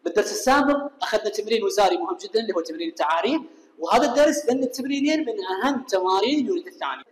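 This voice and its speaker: A man with an Iraqi Arabic accent, an English teacher explaining a lesson step by step and firing quick questions at his students. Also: sits high. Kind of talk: classroom explanation. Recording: echoey room with long reverb.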